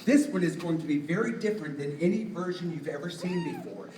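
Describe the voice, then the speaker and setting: Speaking fast and expressively in a slightly high voice, a male puppeteer opens a live children's show with playful questions for the crowd. The recording is noisy, with an echoey room, a distant mic, and music in the background.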